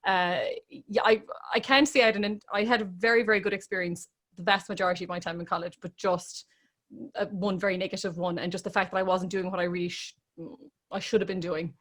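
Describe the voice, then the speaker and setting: A woman's voice: medium pitch, fairly even intonation, fairly quick, fairly bright tone. A woman with an Irish accent speaking as an interview guest, telling her story in a candid, reflective, conversational way. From Ireland. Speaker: interview guest, classical crossover singer.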